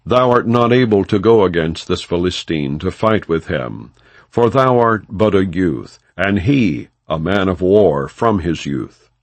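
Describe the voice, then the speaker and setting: A man reads as a cautious ancient king in a scripture audiobook. The voice is low, grave and authoritative, with expressive intonation and a dry sound. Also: a little slow, no room sound. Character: cautious male king of Israel.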